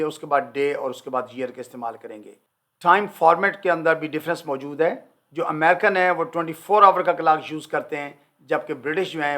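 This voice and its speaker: An older man teaching English in an Urdu lesson, slowly repeating each example word and phrase. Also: fairly high pitch, pushed and bright. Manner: slow, deliberate repetition of example words.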